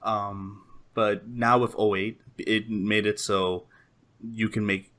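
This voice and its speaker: A man's voice: lowish voice, flat delivery, slow, a bit bright. A young man hosting a casual podcast chat, rambling with lots of "like" and "um". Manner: rambling, heavy use of "like" and "um". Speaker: podcast host.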